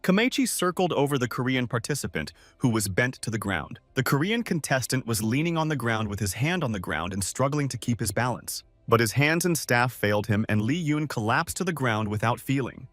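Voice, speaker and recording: A man giving scripted story narration as a recap narrator, in an animated, swooping delivery. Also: medium pitch, brisk, few pauses, no room sound, soft background music.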